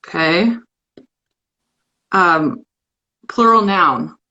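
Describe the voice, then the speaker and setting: A woman's voice: on the low side, expressive, extremely slow, pushed and bright, highs cut off. Playful woman hosting a live stream. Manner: chatty and playful, reading a fill-in word game aloud. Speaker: host of a live poetry show. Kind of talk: casual live-stream chat. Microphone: phone or webcam for a live stream.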